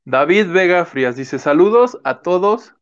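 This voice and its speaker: A man's voice: high voice, expressive, unhurried, clear, resonant tone. A man co-hosting a live show, asking questions and reading viewer messages aloud with dry, self-mocking asides. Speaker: co-host. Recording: muffled lo-fi sound.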